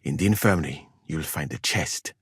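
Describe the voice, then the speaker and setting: An actor playing a courteous, learned medieval physician from Mali in a video game, speaking formally and in measured phrases. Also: male voice, very deep voice, a bit bright, breathy edge, dry recording, clean studio sound, full character voice. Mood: reasoning, assured. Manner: measured, polite, formal, articulate. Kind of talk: video game dialogue acting.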